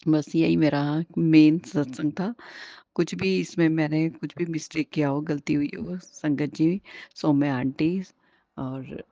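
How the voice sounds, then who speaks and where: A woman's voice: deep voice, fairly even intonation, unhurried, mellow, no echo. A woman sharing a personal devotional testimony in a chatty way, acting out the dialogue she quotes and often restarting her sentences. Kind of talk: casual devotional storytelling. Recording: dull lo-fi home recording.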